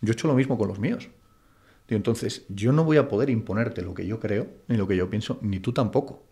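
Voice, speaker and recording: Fairly low and a little fast, this man's voice sounds gravelly yet mellow. He's an interview guest from Spain with a Madrid accent, speaking bluntly and casually and leaning on "tío" and "macho."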